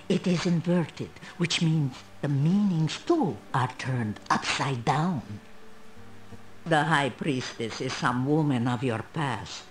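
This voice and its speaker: Old female fortune teller, video game character, slow solemn delivery, sweeping intonation, mysterious, proud. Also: low voice.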